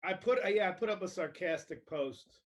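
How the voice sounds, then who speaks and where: A man's voice: high-pitched, expressive, brisk. A man co-hosting a comedy podcast, rambling with stammered restarts and heavy sarcasm. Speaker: podcast co-host. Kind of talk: casual comedy chat.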